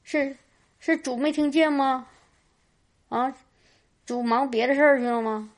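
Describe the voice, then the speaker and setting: A woman gives a fervent testimony-style sermon to a church gathering, her voice sitting fairly high. She keeps crying out hallelujah and stumbles over repeated words as she presses her points. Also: steady tone, a little slow. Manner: fervent, often exclaims hallelujah; stammers and repeats words while talking. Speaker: lay preacher sharing at a church meeting.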